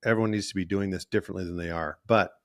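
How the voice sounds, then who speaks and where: A man's voice: low voice, fairly even intonation, rapid-fire, a bit bright. A male therapist and podcast host talking in a casual, rambling monologue, often correcting himself mid-sentence. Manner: rambling, self-correcting, acts out quoted voices.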